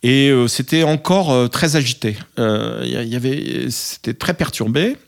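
A man's voice: mid-range voice, normal speed, vocal fry. A man telling a story from his flying days, hesitant, with many fillers and restarts, acting out radio calls. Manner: acts out radio calls in English. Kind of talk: casual anecdote.

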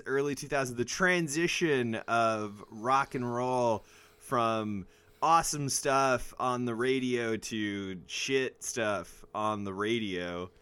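A man's voice: mid-range voice, pushed and bright, clean tone, no echo. A man co-hosting a podcast in casual chat, rambling, trailing into fillers and laughing often. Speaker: podcast co-host. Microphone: podcast microphone.

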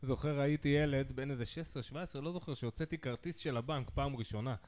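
A man co-hosting a podcast who tells a personal anecdote in an animated, playful way. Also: medium pitch. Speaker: podcast co-host. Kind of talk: casual anecdote telling.

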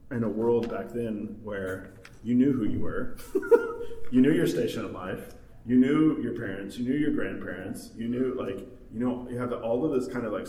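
A man's voice: on the low side, dark tone. A man in his thirties talking casually in a group discussion, rambling with many fillers and laughs. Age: 30s. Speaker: study group member. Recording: roomy, distant mic, faint noise.

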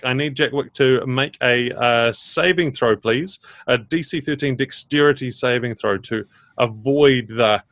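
Slow, bright-voiced male game master. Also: medium pitch, dry recording. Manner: halting, pausing mid-sentence. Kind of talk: improvised tabletop game narration.

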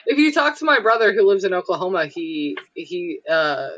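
Bright rambling woman, muffled sound. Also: on the low side, very animated, moderate pace, no echo. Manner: rambling, lots of likes and uhs, giggly. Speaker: friend chatting. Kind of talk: casual chat.

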